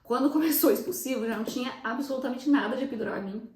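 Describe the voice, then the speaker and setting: Her voice is high-pitched and darkish, with a reverberant sound. A young Brazilian vlogger with a Brazilian Portuguese accent, she tells viewers about being born, fast and chatty, frequently speaking to them directly and nearly crying.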